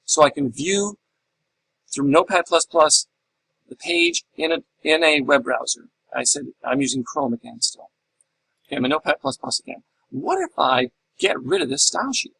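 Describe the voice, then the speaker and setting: A man's voice: on the high side, sing-song, normal speed, vocal fry, sharp tone, breathy edge, low-quality recording. A middle-aged man teaching a class in a recorded lecture, explaining step by step and asking and answering his own questions. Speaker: instructor.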